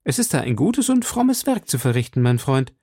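A man's voice: mid-range voice, big pitch swings, moderate pace, warm tone, breathy edge, dry recording, clean studio sound. A man reading an audiobook, voicing an anxious, secretive young wife in a raised, urgent voice. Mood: urgent, coaxing.

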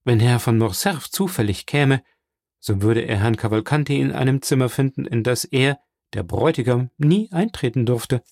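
A man voicing a proud, sharp-tongued middle-aged baroness in an audiobook, brisk and haughty. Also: mid-range voice, dry recording, clean studio sound, lightly acted. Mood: reproachful.

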